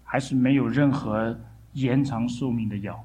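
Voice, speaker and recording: A preacher delivers a sermon in short bursts, stopping after each for an interpreter. The voice rises with vivid stories and sinks low and slow on the solemn ones. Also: steady tone, warm tone. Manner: dramatic, slows and drops for solemn lines.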